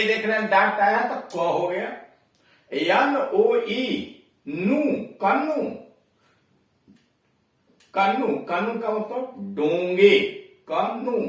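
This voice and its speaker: A man with a Hindi accent, teaching English pronunciation slowly in a classroom lesson, repeating each word as he explains it. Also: high-pitched. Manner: slow, explanatory, repeats words for drilling. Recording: echoey room, voice far from mic.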